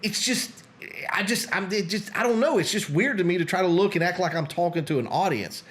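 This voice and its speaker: A man's voice: sits high, fairly quick, a bit bright, a little hiss or hum. Rambling middle-aged male podcast host. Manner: rambling, restarts often, gets sidetracked. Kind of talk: casual conversation.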